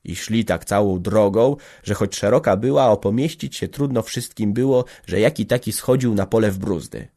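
A man narrating a classic novel as an audiobook in a measured, even storytelling manner. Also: fairly low pitch.

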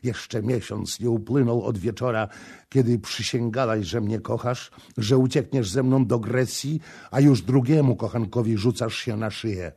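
A man voicing a jealous, furious young Greek lover in a storybook reading, accusing and heated, with a raspy, gravelly voice. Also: mid-range voice, normal speed, dark tone. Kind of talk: audiobook character reading.

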